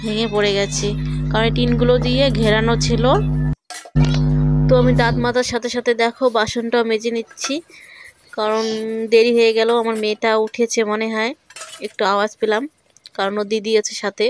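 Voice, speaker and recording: A woman's voice: fairly high pitch, little pitch movement, fairly quick, pauses often, music in the background. A young woman talks viewers through her household chores and her two daughters in a chatty home vlog. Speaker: vlogger, mother of two daughters. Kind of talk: casual vlog narration of daily chores. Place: home and courtyard by a water tap.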